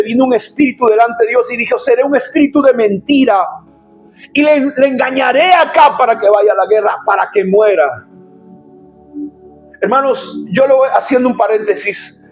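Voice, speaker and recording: A man preaching an impassioned sermon as pastor, often shouting and addressing listeners as brother. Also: very high-pitched. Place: church.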